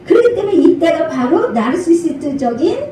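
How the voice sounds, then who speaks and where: An older woman pastor preaching a sermon, animated, acting out parent and child voices and laughing often. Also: sits high, fairly quick, slight background noise. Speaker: senior pastor. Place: church sanctuary. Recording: echoey church hall from far off.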